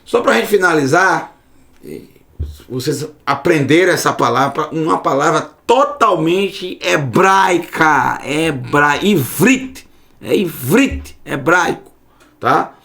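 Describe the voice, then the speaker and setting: A man's voice: fairly high pitch, expressive, slow, creaky, bright, forceful tone. A man giving a casual online Hebrew lesson, repeating words to drill their sound. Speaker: Hebrew teacher.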